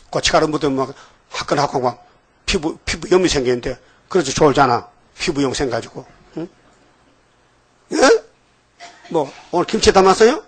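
A middle-aged man preaching a sermon in a church, peppering his congregation with rhetorical questions and folksy asides. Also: fairly high pitch. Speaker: pastor.

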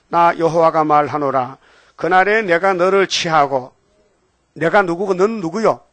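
High-voiced older Korean preacher, dry sound. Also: male voice, no room sound. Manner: folksy, teasing, call-and-response with congregation. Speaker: pastor. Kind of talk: sermon.

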